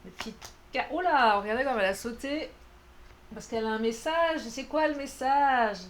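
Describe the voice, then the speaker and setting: A woman's voice: high-pitched, moderate pace, background noise. A woman doing a casual, playful card reading, chatty and self-mocking with lots of fillers. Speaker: tarot card reader.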